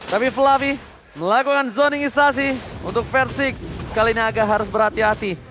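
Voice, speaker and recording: A man with an Indonesian accent giving excited, dramatic play-by-play like a fighting game announcer, mixing slangy Indonesian with English phrases. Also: extremely high pitch, a little fast. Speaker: esports match caster. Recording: noisy broadcast with loud background noise.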